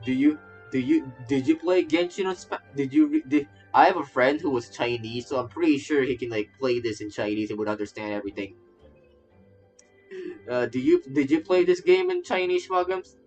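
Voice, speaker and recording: Expressive and darkish in tone, this man's medium-pitched voice moves at a moderate pace as he livestreams a game. He's a VTuber and game streamer given to casual, rambling talk, often stammering and repeating phrases, with faint game music audible.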